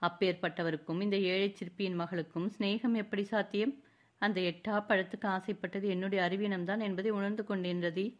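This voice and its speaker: A woman's voice: mid-range voice, steady tone, a little fast, lightly acted. A woman narrator voicing a proud young dancer, a sculptor's daughter, who speaks bitterly and formally through her pet fawn. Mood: hurt, proud.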